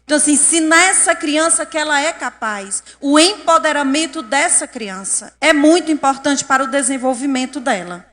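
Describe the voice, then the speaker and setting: A woman with a high, bright voice lectures an audience. She keeps asking them questions. Her voice carries a long reverb from a large chamber. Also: normal speed, few pauses. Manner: asks the audience questions often. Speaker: speaker at a public event. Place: council chamber.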